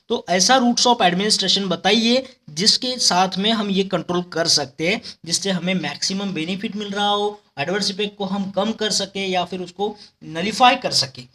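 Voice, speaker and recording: A man's voice: sits high, sharp tone. A man teaching pharmacology for exams, explaining step by step with memory tricks and often checking in with his listeners. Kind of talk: exam-prep lecture with memory tricks.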